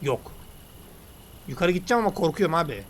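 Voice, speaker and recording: A man talking excitedly and casually while he plays a game and comments on it. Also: a little high, fast talker, slight background noise. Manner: chatty, excitable, slangy banter. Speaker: gaming YouTuber. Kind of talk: let's play commentary.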